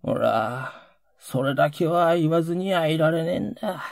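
A man voicing a rough, emotional working-class Edo man who pleads in coarse old Edo street speech. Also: a little high, expressive, normal speed, no room sound, clean studio sound, voice pushed up. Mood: hushed.

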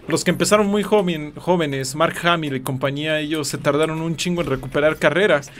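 A man's voice: fairly high pitch, a little fast, a bit bright, soft background music. A young adult man with a Mexican Spanish accent, chatting casually and jokingly as a streamer. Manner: joking, slangy. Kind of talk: casual chat.

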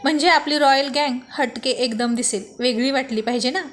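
An easygoing young man who jokes along with his friends, read aloud by a woman. His voice sits fairly high and light in this spoken love story. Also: moderate pace, lightly acted. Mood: joking. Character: good-natured joking young man friend.

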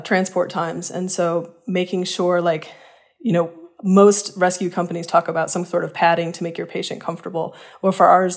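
A woman cave rescuer explaining procedures in a roundtable, with frequent ums. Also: on the low side. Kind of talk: roundtable discussion.

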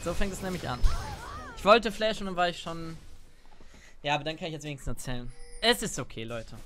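Soft music plays behind a fairly quick, sharp voice on the high side. The speaker is an Italian-born streamer in his twenties rambling to viewers about his gameplay. He's in an indoor gaming room, wearing a headset and close to a desk microphone.

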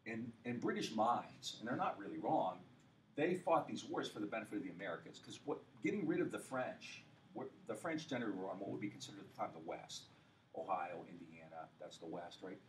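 A man's voice: fairly low pitch, animated, fairly quick. A man lecturing a university history class in a loose, joking style, full of fillers and rhetorical questions to the students. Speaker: history professor. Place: lecture hall. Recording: far-off mic with faint hiss.

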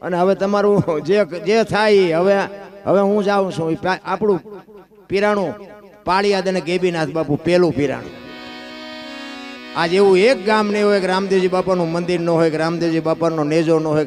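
Folk storyteller guy, high voice, faint music behind, goes loud then quiet. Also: steady tone, a little fast. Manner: emphatic rhetorical questions, swings between loud and hushed. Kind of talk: devotional folk discourse.

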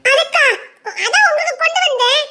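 A woman's voice: extremely high pitch, brisk, bright, forceful tone. Giggly girlish village sweetheart, voiced by a woman. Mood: teasing. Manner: giggly, chattering. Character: lovestruck young village woman, teasing and giggly. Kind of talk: village romance drama acting.

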